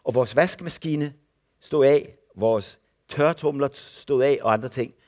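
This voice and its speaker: An older man preaching, telling testimony stories and acting out the people in them. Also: mid-range voice. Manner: animated storyteller acting out the people in his stories. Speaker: preacher and former missionary. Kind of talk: sermon testimony.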